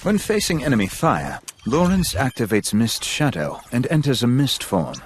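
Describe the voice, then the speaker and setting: A man's voice: mid-range voice, wildly swooping pitch, normal speed, slight background noise. A man reading scripted narration for a video game character showcase.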